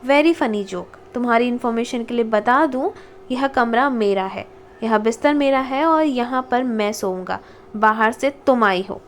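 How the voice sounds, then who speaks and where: A woman's voice: fairly high pitch, measured pace, a little hiss or hum, natural voice. Woman reading as a sarcastic young husband. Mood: mocking. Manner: sarcastic, bickering, teasing. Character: stubborn young husband and father, man. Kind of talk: audiobook character reading.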